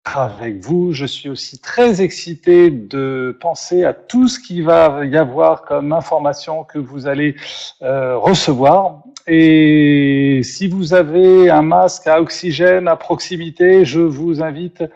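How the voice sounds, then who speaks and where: A man's voice: on the high side, slow pace, a little mellow, dull audio. Upbeat French man hosting a webinar. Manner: upbeat, self-translating, many fillers and restarts. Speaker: webinar host, company vice president. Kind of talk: bilingual live webinar, English then French.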